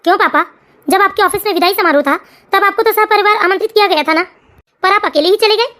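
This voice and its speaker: A woman's voice: very high voice, quick pace, pushed and bright. A woman voicing a grown son, a caring young engineer in a cartoon family story, reassuring and lecturing. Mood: reproachful.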